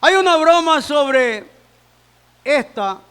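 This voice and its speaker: A man's voice: very high-pitched, animated, slow, a bit bright. A male pastor preaching a sermon to his congregation, with repetition and rhetorical questions. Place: church sanctuary. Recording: long reverb in a church hall.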